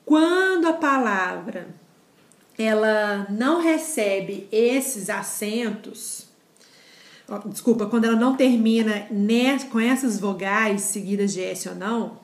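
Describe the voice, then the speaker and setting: A woman's voice: mid-range voice, takes it slowly, reverberant. A woman teaching a grammar lesson in a casual style, explaining step by step and often checking with the class. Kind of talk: casual lecture.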